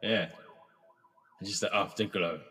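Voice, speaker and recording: A man's voice: sits low, slow, bright, forceful tone, husky, in a large hall. A man co-hosting a casual album review chat, laid-back, humming and singing bits of songs. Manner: laid-back, hums and sings song lines. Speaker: podcast co-host.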